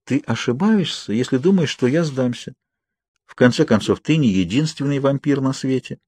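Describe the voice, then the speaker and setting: A man voicing a stubborn young woman in a hospital bed, talking back with quiet defiance. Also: mid-range voice, animated, normal speed, husky, dry recording, pitched above the performer's own voice. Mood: defiant.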